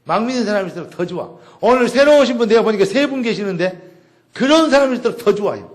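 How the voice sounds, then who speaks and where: A man preaching a sermon in a chatty, animated way, acting out little exchanges with people. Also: high voice, fast talker. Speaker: pastor.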